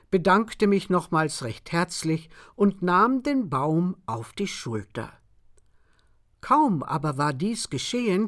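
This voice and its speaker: A woman narrating a humorous story in a measured storytelling manner. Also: on the low side. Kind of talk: scripted narration.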